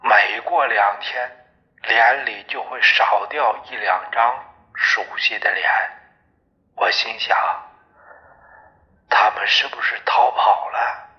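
Slow, measured male storyteller. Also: lowish voice, lo-fi sound. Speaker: audiobook narrator. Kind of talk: first-person novel narration.

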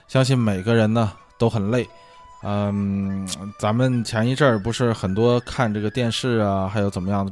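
A man hosting a casual solo talk show, musing aloud in a chatty way with many fillers. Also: medium pitch. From China. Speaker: podcast host. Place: lives abroad.

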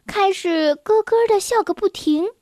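A woman narrating a children's storybook in a gentle, unhurried manner. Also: extremely high pitch, no echo, clean studio sound.

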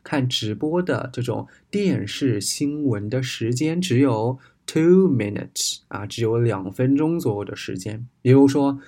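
A man's voice: mid-range voice, darkish tone. A Chinese man, a native Chinese speaker, teaching English words in Mandarin and spelling them out letter by letter. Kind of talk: explaining an English news text in Chinese.

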